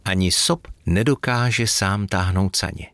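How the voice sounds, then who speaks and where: A man voicing a wise old male elf who calmly lectures a younger one. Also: low-pitched.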